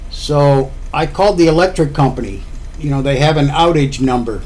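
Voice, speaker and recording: A man's voice: on the high side, normal speed, a little mellow. A man talking casually to camera about his home cooking, rambling and repeating himself as he explains. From Florida.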